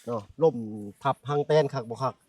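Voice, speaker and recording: A man's voice: brisk, darkish tone, no room sound. Chatty Isan man vlogging outdoors. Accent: northeastern Thai (Isan). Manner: chatty, addresses viewers as brothers and sisters, often apologizes. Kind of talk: casual vlog narration while walking. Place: outdoors in a village. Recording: dry sound, voice at a distance from the mic.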